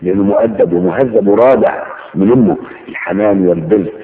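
A man's voice: on the low side, fast talker. A man with an Egyptian Arabic accent giving a religious lecture, telling stories and acting out the people in them. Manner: lively storytelling, acting out quoted dialogue. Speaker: preacher. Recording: tinny phone-like line with faint noise.

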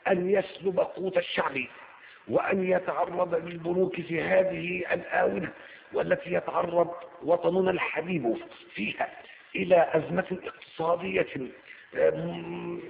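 A man's voice: high-pitched, creaky, pitched above the performer's own voice. Brief: man playing a grandiose prosecutor thundering rhetoric, gritty voice, faint hiss. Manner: bombastic, rhetorical, rising oratory. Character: pompous male prosecutor giving a fiery courtroom speech. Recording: tinny phone-like lo-fi with faint hiss.

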